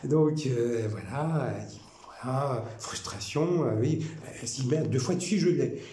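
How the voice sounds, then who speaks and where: A man from France talking to camera in a rambling, repetitive and animated way. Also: mid-range voice, normal speed. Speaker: vlogger. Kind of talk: casual monologue. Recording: echoey room with faint noise.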